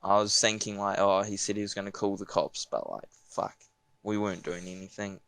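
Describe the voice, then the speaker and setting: Young man with a broad Kiwi accent, lowish voice. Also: little pitch movement, a little fast, vocal fry, a bit bright, no room sound. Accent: broad New Zealand. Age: young adult. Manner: slangy, sweary, laid-back. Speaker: podcast speaker. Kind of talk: casual anecdote, slangy storytelling.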